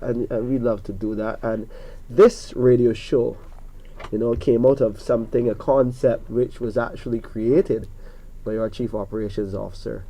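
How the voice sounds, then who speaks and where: A man's voice: mid-range voice, steady tone, normal speed, mellow, low-quality recording. A man hosting a hospital radio talk show, greeting listeners and introducing guests in an upbeat way.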